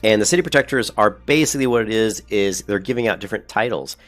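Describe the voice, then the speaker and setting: Stuffy and congested from a cold, a man with a very deep yet slightly bright voice talks fast through a gaming video while reading from a website. He rambles, fixes his sentences midway, and perks up at features he likes, with faint music underneath.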